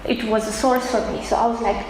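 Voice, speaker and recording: Woman from afghanistan telling her testimony, kinda high voice, echoey roomy sound with a little hiss. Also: level tone, darkish tone. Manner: earnest, halting with fillers. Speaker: testimony speaker. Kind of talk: personal testimony. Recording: echoey room with faint noise.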